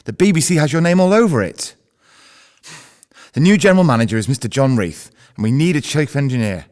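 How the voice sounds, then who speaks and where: A man's voice: mid-range voice, lively intonation, brisk, a little mellow, close to an everyday voice. An actor playing an earnest, hesitant 1920s male broadcasting manager in an amateur radio play, stammering at the start of his lines. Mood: persuasive.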